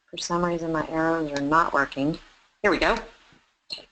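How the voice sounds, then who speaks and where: A Texan chef hosts a webinar, guiding listeners in a chatty, encouraging way with plenty of fillers. Her low voice is flat yet fairly bright at a normal speed, and the poor audio carries slight background noise.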